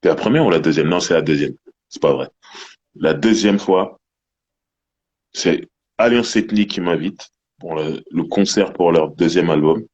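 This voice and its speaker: A man co-hosting a casual music chat, relaxed and telling anecdotes. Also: deep voice, moderate pace, long pauses, breathy edge, lo-fi sound. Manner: relaxed, anecdotal, laid-back. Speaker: podcast co-host.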